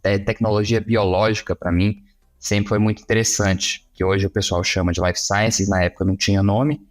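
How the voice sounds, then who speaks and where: A man, a lawyer guest explaining at length and pausing to find his words. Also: fairly low pitch, little pitch movement. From Minas Gerais, Brazil. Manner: measured, explanatory, searching for words. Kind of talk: interview guest.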